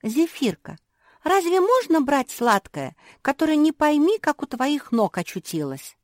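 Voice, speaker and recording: A woman's voice: high voice, big pitch swings, measured pace, no echo, clean studio sound, voice pushed up. A woman voicing a prim pug sister who scolds and giggles. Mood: scolding.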